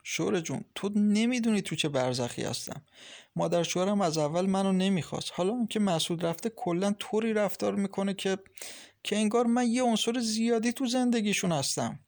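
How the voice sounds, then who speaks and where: A man's voice: high voice, gravelly, voice pushed up. A man voicing a downcast pregnant young wife who speaks sadly and hesitantly in an audiobook. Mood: troubled. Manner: sad, hesitant, complaining quietly. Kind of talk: audiobook character reading.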